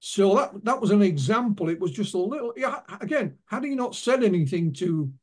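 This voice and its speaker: A man's voice: sits high, expressive, brisk. A man being interviewed as an author, telling anecdotes and retelling what witnesses told him. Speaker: author and guest. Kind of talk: interview storytelling.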